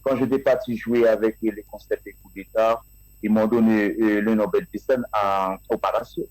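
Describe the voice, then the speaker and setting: Halting male musician, dry studio sound. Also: fairly low pitch, fairly even intonation, darkish tone, no echo, poor audio. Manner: halting, many fillers and restarts. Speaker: guest musician. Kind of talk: interview answers.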